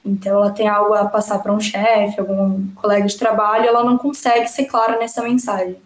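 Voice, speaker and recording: A woman speaking in a flat, level tone with little rise and fall. Her voice echoes a little in the room, and she describes things plainly, in a matter-of-fact way. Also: mid-range voice, fairly quick. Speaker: student speech therapist, guest. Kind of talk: interview answer.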